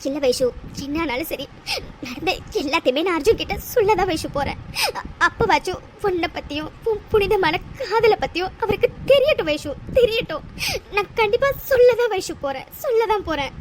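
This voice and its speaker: A woman's voice: extremely high pitch, animated, a little fast, slight background noise. A woman voicing an anxious, loyal young best friend in a cartoon drama, pleading and soothing. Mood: indignant. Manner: pleading, soothing, repeating "please".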